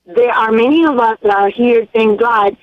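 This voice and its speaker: A woman's voice: on the high side, moderate pace. A woman from El Salvador calling into a radio show, speaking earnestly and hesitantly with many ums. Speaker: caller. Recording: tinny phone line.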